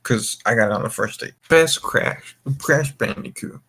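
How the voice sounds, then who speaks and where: Hosting a laid-back group voice chat, a young man from the Mountain Time zone in America is tipsy, rambling, cursing and tripping over words. His voice is mid-range, bright, forceful and husky, at a normal speed.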